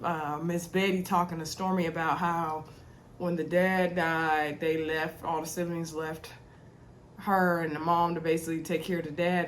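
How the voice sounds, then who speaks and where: Speaking in a fairly low voice over slight background noise, this TV recap host is a young woman going over a reality TV episode for her viewers. She sounds congested and sore-throated, and her casual chat is full of ums and y'alls.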